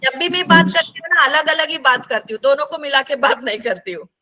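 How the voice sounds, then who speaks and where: Woman, counselor, workshop leader, conversational teaching, high pitch, frequent check-ins. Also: a little fast, bright, forceful tone, low-quality recording. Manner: keeps checking in with listeners, many fillers. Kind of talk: conversational teaching with case stories.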